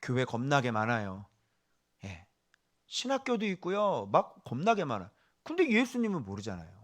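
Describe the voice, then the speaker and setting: A male pastor preaching a sermon, animated and firing questions at the congregation, dropping to a hush for asides. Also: medium pitch, normal speed.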